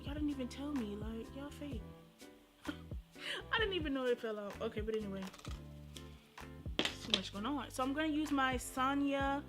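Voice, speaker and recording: High-pitched young woman with slight retainer lisp. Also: lively intonation, normal speed, pauses often. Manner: sassy, playful, slangy. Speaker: beauty vlogger. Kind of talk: casual chatty first-impression makeup review. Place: indoors at home. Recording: music playing behind the voice.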